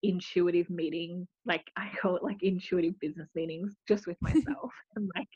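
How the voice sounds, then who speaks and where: Lower-voiced woman guest, dull lo-fi sound. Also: steady tone, moderate pace, a little mellow, slightly rough, no echo. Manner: explanatory, thoughtful, frequent "like" fillers. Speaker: podcast guest. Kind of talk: casual interview chat. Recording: dull lo-fi audio.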